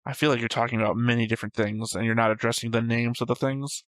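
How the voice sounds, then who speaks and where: A fast-talking man with a medium-pitched, slightly bright and fairly even voice, recorded with no echo, co-hosts a reaction show. In a casual debate about an animated series, he picks points apart in a precise, argumentative way.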